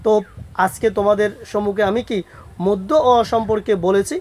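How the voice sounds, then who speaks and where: A man's voice: high-pitched, little pitch movement. Male teacher, patient step-by-step pronunciation lesson, repeats and quizzes himself. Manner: slow, repetitive, asks and answers own questions; spells out letters one by one. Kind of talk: spoken grammar lesson.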